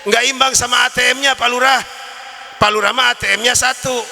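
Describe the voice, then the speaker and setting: Male preacher, comic storyteller, bright gravelly voice, long hall echo. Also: very high-pitched, fairly even intonation, normal speed, soft background music. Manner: joking storyteller, shifts between Indonesian and Sundanese. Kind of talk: comic religious sermon. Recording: reverberant hall.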